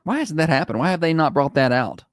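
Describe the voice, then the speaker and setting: Fast-talking male morning radio host, close and dry. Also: fairly high pitch, lively intonation, dry recording. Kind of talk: casual radio banter and announcing.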